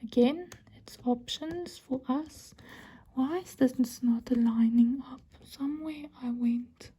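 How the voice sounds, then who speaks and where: Slow, mellow and slightly rough, this woman's high voice belongs to a crafting vlogger from South Africa who speaks Afrikaans natively and has a South African accent. She chats casually over her craft, frequently whispering as she counts.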